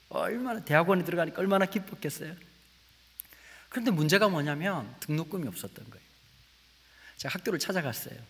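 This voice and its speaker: A man preaching a testimony sermon in a Gyeongsang accent, telling his story with big loud peaks and hushed asides. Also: on the high side, creaky, slightly rough. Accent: Gyeongsang Korean. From Gyeongsang region, Korea. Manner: animated storytelling, swings between loud exclamations and hushed asides. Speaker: guest preacher. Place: church sanctuary. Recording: church hall with long reverb.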